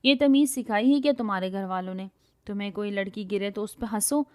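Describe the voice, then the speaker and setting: A woman's voice: medium pitch, fairly even intonation, lightly acted. Storybook casting: a bossy, boastful young woman who scolds and quarrels at full voice, as a woman reader plays her. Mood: indignant. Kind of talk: storybook reading.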